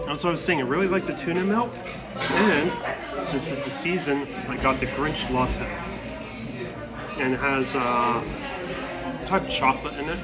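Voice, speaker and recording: A man's voice: medium pitch, normal speed, long pauses, over a noisy crowd, rough recording. A middle-aged man hosting a casual travel vlog, reviewing cafe food in a chatty way with frequent fillers, filmed at arm's length at a cafe table. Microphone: handheld camera at arm's length. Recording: music playing under the voice.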